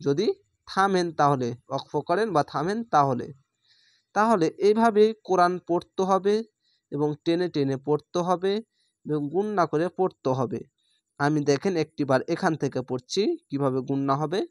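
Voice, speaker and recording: A man's voice: on the high side, moderate pace, no echo, studio quality. A man teaching Quran reading, spelling out each letter and vowel, then drawing out the recited words.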